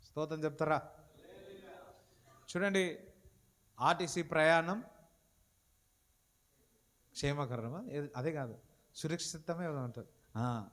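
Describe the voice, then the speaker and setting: A man preaching a sermon in a church hall. He talks slowly and deliberately in a somewhat high voice, calling out to the congregation for responses. His voice carries a long reverberant tail. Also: fairly bright tone. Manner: exhorting, calls for responses, switches into English phrases. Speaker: pastor.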